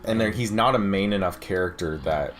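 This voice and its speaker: A man's voice: low-pitched, fairly quick. A young man chatting casually as he reviews a video game trailer. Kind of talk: casual chat. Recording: steady background room noise.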